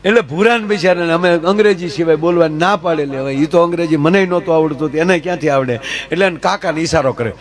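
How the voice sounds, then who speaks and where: A man's voice: a little high, fast, few pauses. A man telling folk stories with humor, chatty and jokey, speaking directly to his audience. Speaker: folk storyteller.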